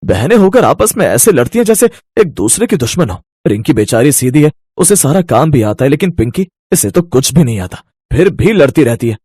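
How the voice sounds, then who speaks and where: Brief: man playing an exasperated young brother, husky voice, swings a lot in pitch. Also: very animated, brisk, hardly any pauses, darkish tone. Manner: scolding, exasperated. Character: stern young husband and elder brother. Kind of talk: storybook character voice.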